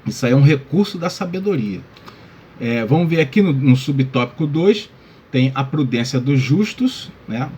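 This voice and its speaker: Warm and mid-range with a breathy edge, this pastor's voice is animated and moves at normal speed. He teaches the Bible informally, calling listeners brother and sprinkling in little check-ins such as "tá?" and "né?".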